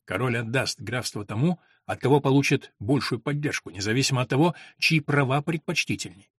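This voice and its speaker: A man reading a novel aloud as an audiobook narrator, in a measured storytelling manner. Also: mid-range voice, husky, no room sound, clean studio sound. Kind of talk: scripted narration.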